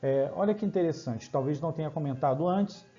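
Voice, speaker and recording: Man, Brazilian Portuguese accent, English teacher, step-by-step explanations, dark mellow tone, faint background music. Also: on the high side, brisk, highs cut off. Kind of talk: grammar lesson over slides.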